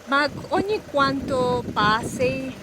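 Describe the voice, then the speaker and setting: High, halting woman speaking non-natively. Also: expressive, very noisy. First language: not Italian. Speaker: vlogger. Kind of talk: casual chat with local vendors.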